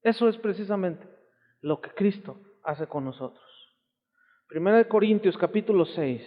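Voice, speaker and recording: A man's voice: high-pitched, animated, normal speed. A Mexican man preaching as a pastor, emphatic and exclamatory, telling stories with quoted voices, on an old church recording. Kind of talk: sermon. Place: church hall. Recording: tinny lo-fi 1990s church recording, long hall reverb.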